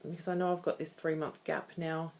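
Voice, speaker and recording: Woman, thirties, low-pitched voice, casual vlog chat, candid and conversational. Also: flat delivery, a little fast. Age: 30s. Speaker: vlogger. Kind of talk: casual personal video diary.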